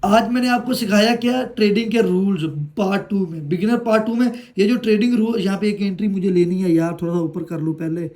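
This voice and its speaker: A man's voice: high-pitched, steady tone, fairly quick, few pauses, a little mellow. A man teaching trading in a casual screen-share lesson, chatty and affectionate, often pleading with viewers to like and comment. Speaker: trading tutor.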